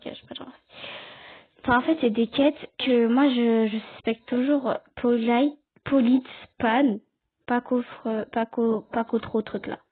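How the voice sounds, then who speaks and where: Brief: chatty woman streaming a game, explaining rules and bickering with teammates, recorded on a tinny low-grade mic. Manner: chatty, explains rules to viewers, talks back to other players. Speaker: gaming video creator. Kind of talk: casual Let's Play commentary. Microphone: cheap headset or desk mic.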